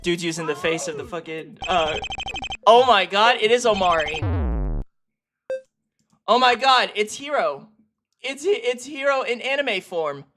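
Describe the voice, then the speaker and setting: A streamer giving casual, profane reaction commentary while ranking a video series, excitable and quick to laugh. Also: medium pitch, soft background music.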